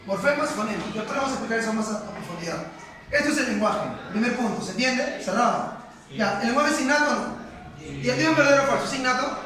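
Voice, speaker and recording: A man's voice: very high-pitched, lively intonation, quick pace, a crowd in the background. A male teacher, giving a classroom lecture and questioning his students, repeating points for emphasis. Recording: echoey classroom from far off, students audible.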